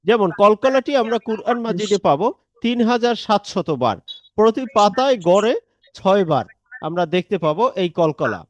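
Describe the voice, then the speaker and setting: A man teaching Quran recitation in a live online lesson, patiently explaining step by step and drawing out examples slowly. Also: high-pitched, lively intonation, dry recording. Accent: Bangladeshi Bengali.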